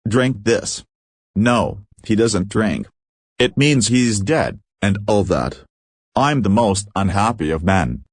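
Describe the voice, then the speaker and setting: A man's voice: on the low side, lively intonation, slow pace, breathy edge, no echo, studio quality, exaggerated voice. A man doing a blustering old landowner. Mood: despairing. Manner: blustering, hot-tempered. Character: older fussy quarrelsome landowner father.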